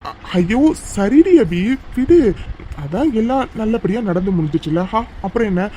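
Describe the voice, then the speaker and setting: Guy doing a young lover in a cartoon, high voice, earnest and sweet, a bit of faint noise behind. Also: expressive, moderate pace, mellow. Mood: teasing. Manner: earnest, affectionate, teasing. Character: young man, devoted lover, formerly grumpy. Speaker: narrating voice actor. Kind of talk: cartoon voice acting.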